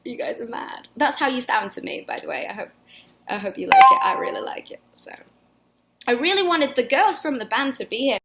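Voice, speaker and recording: There's slight background noise as a young singer, in her twenties, chats with fans in a live Q&A stream. Her voice sits high, animated, a little fast and a bit bright, with a mixed Northern English accent; she rambles, swears and restarts a lot.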